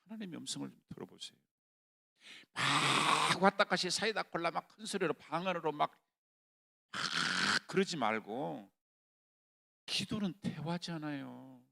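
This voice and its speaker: A man preaching a revival sermon as a pastor. He swings from hushed storytelling to shouted exhortation. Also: fairly high pitch, normal speed, creaky. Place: prayer retreat hall.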